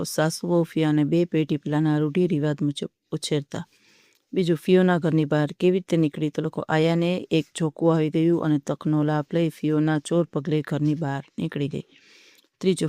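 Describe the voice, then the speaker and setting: A teacher runs through workbook answers in a level, even voice that barely rises or falls. The tone is smooth and clean, recorded close and dry with no room sound. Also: mid-range voice, no room sound. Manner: steady, methodical dictation.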